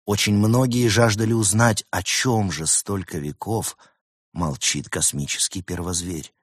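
A man narrating a fairy tale audiobook in a measured, expressive storytelling manner. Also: on the low side, husky, dry recording, studio quality.

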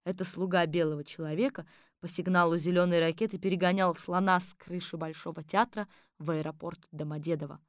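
Female audiobook narrator, dry studio, steady storytelling. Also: lowish voice, dry recording.

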